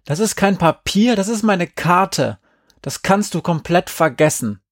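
A man voicing a boy who loudly protests to guard his map. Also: high-pitched, lively intonation, measured pace, no room sound, studio quality, voice pushed up, heavily acted. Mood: indignant.

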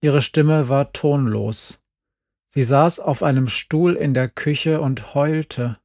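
A man narrating an audiobook in a slow, unhurried read. His delivery is calm and measured, close to a studio mic. The sound is bone dry, with no room at all. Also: mid-range voice, no echo. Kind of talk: scripted narration.

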